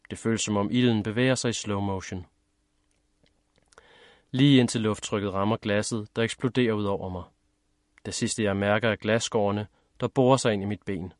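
A man narrating a first-person story in a measured, steady reading. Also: fairly low pitch, dry recording, studio quality. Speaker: audiobook narrator.

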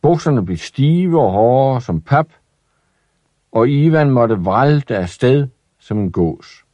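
A man reading a children's story aloud in an expressive, lively way. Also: medium pitch, no room sound.

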